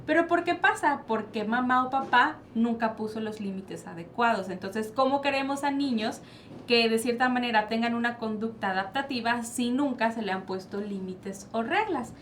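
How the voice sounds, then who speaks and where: A child psychologist with a Mexican Spanish accent, appearing as a panel guest, explains parenting styles by raising rhetorical questions and answering them herself. Her voice is a little high, her pace moderate, with faint background noise.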